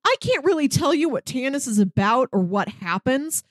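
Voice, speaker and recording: This woman's voice sits high and is sing-song at a normal speed as she co-hosts a podcast. In a casual review chat, she enthusiastically recommends audio dramas, wandering conversationally from point to point. The recording is dry, with clean studio sound.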